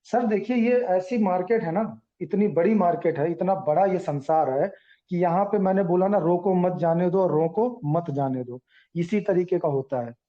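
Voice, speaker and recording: Earnest guy talking at a meeting, high mellow voice, dull lo-fi sound. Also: normal speed. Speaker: speaker addressing a community meeting. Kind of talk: explanatory speech at a meeting.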